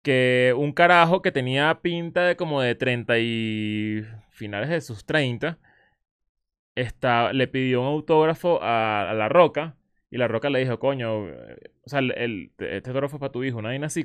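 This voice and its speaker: Slangy podcaster, clear dry voice. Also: male voice, mid-range voice, lively intonation, brisk, a bit bright, no echo. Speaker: podcast co-host. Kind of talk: casual live podcast chat.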